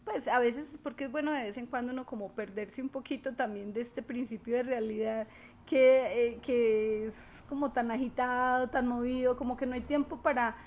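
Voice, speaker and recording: A woman chatting casually, expressive and animated as she tells stories, softer and musing when she reflects. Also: fairly high pitch, moderate pace. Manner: expressive, animated storytelling with put-on quoted voices. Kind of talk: casual chat.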